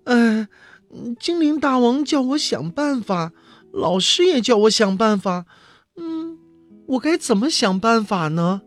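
A man voicing an eager little male fairy in a storybook, calling out brightly. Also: very high-pitched, sing-song, a little slow, soft background music, pitched above the performer's own voice, exaggerated voice. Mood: puzzled.

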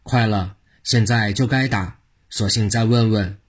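A man's voice: on the low side, steady tone, measured pace, slightly rough. A man doing a pompous prefect judge. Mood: scheming. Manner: stern, officious questioning.

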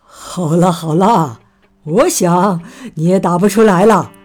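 A woman voicing a gruff, blustering father bear in a children's picture-book story. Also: fairly low pitch, soft background music, voice pushed down. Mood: coaxing. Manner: loud, blustering, deliberate.

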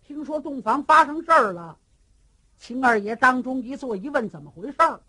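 Woman telling a traditional tale, lively. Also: sits high, moderate pace, breathy edge. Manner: lively, dramatic, acts out every character. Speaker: storyteller. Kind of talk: traditional Chinese storytelling performance.

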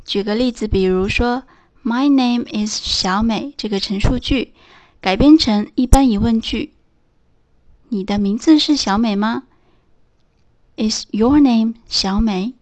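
A woman teaching English in a scripted lesson, reading out example phrases slowly and clearly. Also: on the high side, darkish tone.

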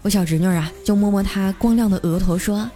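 A woman radio host tells a comic story in a lively, chatty way and draws out her little particles. Her voice sits at a middling pitch, over faint background music. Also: fast.

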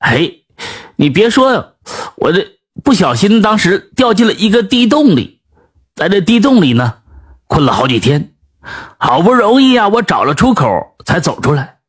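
Brief: man reading a kindly old grandfather in a folk tale, husky, fond and talkative. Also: high voice, sing-song, moderate pace, exaggerated voice.

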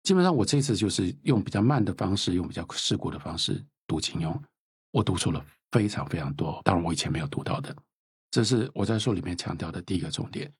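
A man in his fifties with a deeply husky, breathy voice that swings widely in pitch as he lectures earnestly. He sits at the lower end of the male range and sounds close and dry. He talks as the guest author in a reflective interview. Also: animated, fast, dry recording. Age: 50s.

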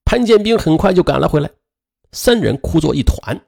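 A man's voice: fairly high pitch, lively intonation, brisk, gravelly, darkish tone, husky. A man narrating a family true-crime story in a dramatic storytelling manner, drawing out his filler particles.

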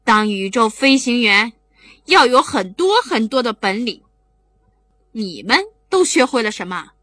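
A woman's voice: a little high, big pitch swings, unhurried, fairly bright tone, no room sound, soft background music, heavily acted. A woman doing a scolding mother. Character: scolding mother, exasperated but fond.

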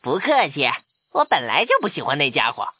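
A woman's voice: low voice, wildly swooping pitch, brisk, pushed and bright, a little hiss or hum, heavily acted. Woman voicing a swooping, chummy male field mouse. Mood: chummy, proud. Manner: chummy, swaggering. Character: big, easygoing, self-assured male field mouse. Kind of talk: children's audio fairy-tale acting.

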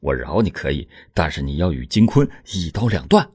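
A man's voice: extremely low pitch, very animated, fairly quick, a little mellow, husky, no echo, studio quality, pitched below the performer's own voice, exaggerated voice. A man voicing a harsh, controlling husband giving cold orders. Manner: harsh, commanding.

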